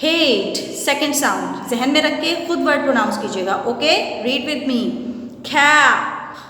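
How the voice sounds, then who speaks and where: A woman with a high voice teaches a phonics lesson at an unhurried, patient pace. She asks a question and answers it herself. The sound rings through a bare room with a long, heavy reverb. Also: expressive, bright, forceful tone, a little hiss or hum. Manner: slow, patient, mixes Hindi and English, asks questions and answers them. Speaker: English teacher.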